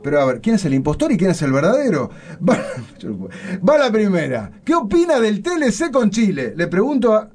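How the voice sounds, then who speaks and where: Animated, high-voiced radio host. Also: male voice, fairly quick. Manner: animated, excitable, jokey. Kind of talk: radio interview.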